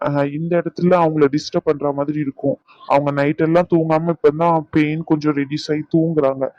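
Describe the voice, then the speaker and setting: A man voicing a calm doctor in a cartoon, explaining a treatment in a steady way. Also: a little high, brisk, dry recording, muffled recording, natural voice.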